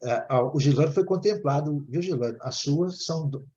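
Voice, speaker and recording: A Brazilian Portuguese-speaking man teaching an English class online, explaining at length and ending nearly every phrase with a quick "né?". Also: fairly high pitch, mellow, dull audio.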